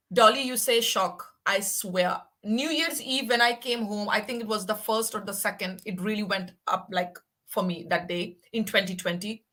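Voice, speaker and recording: Emphatic woman in her forties, bright voice. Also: mid-range voice, unhurried. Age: 40s. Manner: passionate, emphatic, repeats herself. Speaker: livestream guest. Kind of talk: casual livestream chat.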